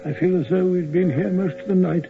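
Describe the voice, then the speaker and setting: Gruff Doctor Watson. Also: male voice, high voice, fairly even intonation, brisk, soft background music. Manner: gruff, hearty, blunt. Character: Doctor Watson, bluff gentleman narrator. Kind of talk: 1940s radio acting. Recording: lo-fi 1940s radio broadcast.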